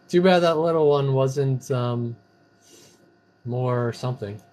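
A man streaming a casual online game, talking through the action in a loose, playful way. He slides into sing-song chants and goofy catchphrases between plays, his pitch sitting in a middle range. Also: slow, a little mellow. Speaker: gamer streamer. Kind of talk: casual gameplay commentary.

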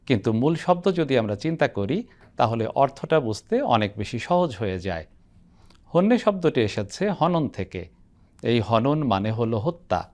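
A middle-aged man hosting a televised language lesson, explaining words in a measured, formal way. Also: mid-range voice, darkish tone. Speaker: host. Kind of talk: scripted educational presenting. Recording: television studio.

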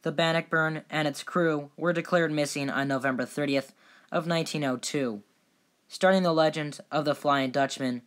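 A man's voice: a little high, a bit bright. A man reading scripted documentary narration.

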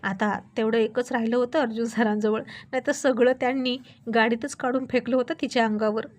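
A woman's voice: fairly high pitch, fairly even intonation, fairly quick. A woman narrating a serialized romantic story and voicing the quarrels between its characters. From Maharashtra, India.

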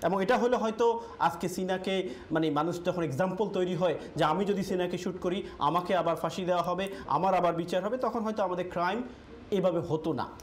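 High-voiced talk show host. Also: male voice, brisk. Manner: pressing, mixes English phrases into speech. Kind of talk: political talk show debate.

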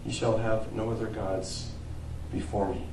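A pastor preaching a sermon in earnest, swelling to emphatic peaks and sinking to quiet phrase ends. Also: male voice, on the low side, flat delivery, measured pace, echoey room, far from the mic, background noise. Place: church sanctuary.

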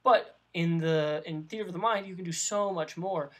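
A man's voice: sits high, normal speed. A man hosting a vlog, explaining game ideas in a casual, rambling way with many ums and restarts. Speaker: vlog host giving dungeon master advice. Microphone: camera mic.

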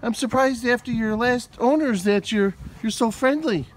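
A man filming a casual vlog indoors, talking in a high, sing-song baby voice to a dog. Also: moderate pace, a little hiss or hum. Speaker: vlogger.

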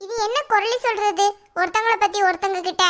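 Poomari, high bright cartoon wife, voiced by a woman. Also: steady tone, fairly quick. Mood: defensive. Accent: Tirunelveli Tamil. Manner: pleading, defensive. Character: defensive young wife Poomari, quick-tempered. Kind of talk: cartoon voice acting.

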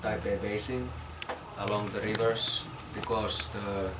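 In a small, crowded indoor room, a Finnish architect in his forties gives a small group an informal talk about his research project. He sounds low and monotone, pausing haltingly with many fillers and repeated words. The distant camera recording is roomy and noisy, catching him from across the echoey room.

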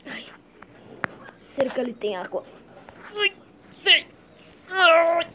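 A woman's voice: very high voice, very animated, slow pace, sharp tone, slight background noise, heavily acted. A woman playing a young male green dinosaur on the run in a game, talking to himself in a chatty, slangy way. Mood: hurting. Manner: chatty, slangy, talks to itself. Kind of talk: in-character game role-play.

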